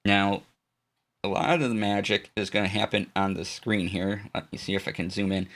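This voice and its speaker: Warmly greeting his chat, a man demos audio gear on a live stream in a low, easygoing voice. He stumbles and restarts frequently, filling gaps with fillers, and speaks into a studio dynamic microphone.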